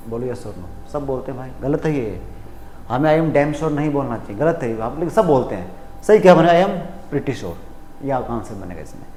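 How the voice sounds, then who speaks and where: A man with an Indian accent teaching an exam-prep English class in a lively, direct way, calling his students kids and mixing English terms into Hindi. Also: fairly high pitch. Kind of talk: exam coaching lecture. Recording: echoey room with long reverb.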